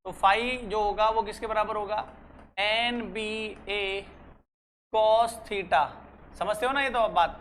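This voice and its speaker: Physics teacher dictating slowly. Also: mid-range voice, steady tone, fairly bright tone, a little hiss or hum. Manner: dictates slowly, repeats phrases, quizzes students. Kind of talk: classroom lecture mixing Hindi and English.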